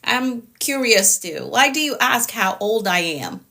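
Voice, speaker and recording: A woman's voice: fairly high pitch, big pitch swings, measured pace, vocal fry, bright, forceful tone. A woman in her late thirties, a productivity coach on a live stream, talking firmly and repeating herself, often ending lines with "okay?". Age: 30s. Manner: repetitive, firm, tags lines with okay.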